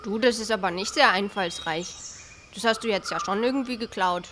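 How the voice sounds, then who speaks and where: A woman's voice: mid-range voice, fairly quick, natural voice. A woman voicing a cheerful little village boy who talks in a playful, eager way. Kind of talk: audio drama acting. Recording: noisy background.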